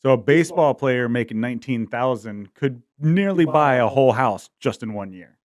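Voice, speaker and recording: A man's voice: medium pitch, expressive, moderate pace, dry recording, studio quality. A man co-hosting a podcast, asking leading questions and joking along. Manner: jokey, asks leading questions. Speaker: co-host. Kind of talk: casual podcast chat.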